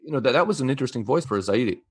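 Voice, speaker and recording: A man on a discussion panel, telling an anecdote in an animated way. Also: medium pitch, racing, husky. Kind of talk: storytelling in discussion.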